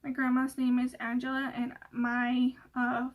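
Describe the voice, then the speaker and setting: A woman's voice: high voice, completely flat delivery, measured pace, phone-quality sound. A young woman vlogger chatting casually through a Q&A, rambling with many fillers and laughing often. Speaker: beauty vlogger. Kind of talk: casual Q&A chat.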